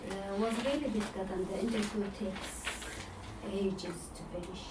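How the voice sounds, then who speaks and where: A woman researcher in a group discussion, speaking haltingly with non-native phrasing. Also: mid-range voice, very noisy. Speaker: PhD researcher. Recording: echoey distant meeting room recording.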